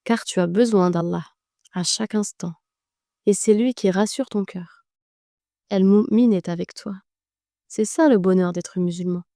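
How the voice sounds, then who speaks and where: Gentle, mellow-voiced woman guiding meditation. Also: medium pitch, no echo, studio quality. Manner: slow, gentle and soothing, speaks directly to the listener. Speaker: guided meditation narrator. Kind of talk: soft guided meditation narration.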